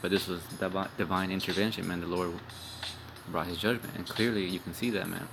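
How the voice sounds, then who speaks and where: Briskly and with fairly even intonation, a young man preaches in a low, gravelly voice in an informal religious video. The street-style sermon rambles, blunt and profane, his lines ending in "man" and "all right," with music behind.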